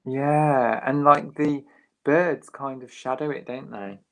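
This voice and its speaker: Man, giggly, laughs often, slow, mid pitch, casual live-stream chat, video call. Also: steady tone, a bit bright. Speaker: tarot deck reviewer, co-host.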